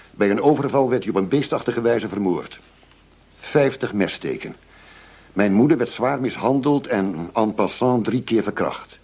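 The same kind of role again: a radio-drama actor voicing a driven, earnest middle-aged chief inspector of police, formal, insistent and measured in his phrasing. This time the low male voice is a little mellow and slightly rough, with a grave, bitter mood.

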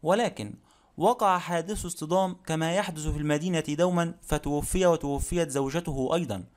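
A man's voice: a little high, a little fast, lightly acted. A man reading an audiobook, voicing a stubborn, self-assured elderly widowed woman who speaks firmly. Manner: firm, self-assured speech.

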